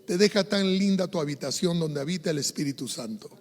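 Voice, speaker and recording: A male pastor with an Ecuadorian Spanish accent preaching a sermon, moving between hushed passages and fervent, loud ones. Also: on the high side, fairly quick. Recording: long hall reverb.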